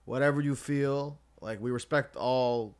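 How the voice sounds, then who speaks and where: A man hosting a casual interview, talking informally in halting, trailing phrases. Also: medium pitch, clean tone. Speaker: podcast host interviewing his grandmother.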